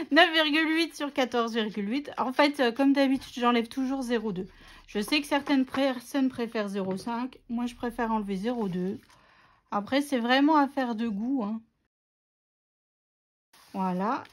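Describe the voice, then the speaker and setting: Chatty woman explaining a craft tutorial. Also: a little high. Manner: chatty, self-mocking, many fillers and little laughs. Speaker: scrapbooking tutorial host. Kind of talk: casual craft tutorial narration.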